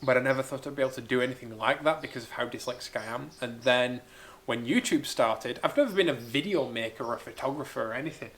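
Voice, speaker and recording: Guy who grew up in spain doing a casual q&a vlog, thinking out loud, keen and chatty. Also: mid-range voice, fast talker, slight background noise. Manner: chatty, enthusiastic, thinking aloud. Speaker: car-building YouTuber. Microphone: small camera-mounted mic.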